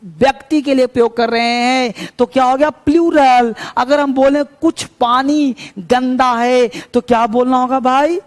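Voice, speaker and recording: A man with a very high voice teaches simple English phrases, repeating each one patiently. He keeps asking his students whether they are following. His voice rings out in a room with a long reverb. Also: fairly even intonation, a little slow. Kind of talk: spoken English lesson.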